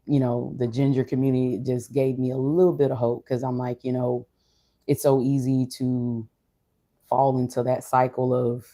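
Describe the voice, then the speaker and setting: A vlogger talking casually and reflectively in a low-energy, unhurried, subdued way, with a mellow voice. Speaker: streamer or vlogger. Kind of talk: casual reflective monologue to an audience.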